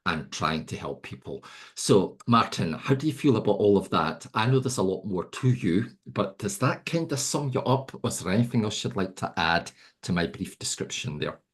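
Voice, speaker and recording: Deep, husky man in his middle years hosting a laid-back, joking podcast chat. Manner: chatty, jokey, self-mocking. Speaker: podcast host. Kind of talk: casual interview.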